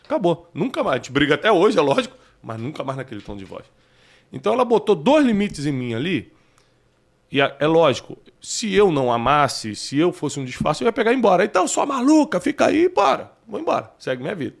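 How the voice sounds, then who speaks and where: A man in his forties with a Brazilian Portuguese accent, hosting a casual interview and telling personal stories, breaking into loud, high bursts at the punchlines. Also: very animated, a little fast. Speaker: host.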